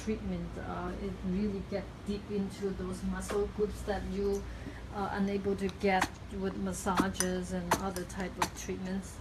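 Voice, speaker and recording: A woman with talks through a hands-on treatment as the practitioner. She is instructive but halting, pausing to find her words. There is clear noise behind her in the room. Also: mid-range voice, flat delivery. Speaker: acupuncturist giving a cupping treatment. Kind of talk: explaining a treatment in casual talk. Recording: clearly noisy room recording.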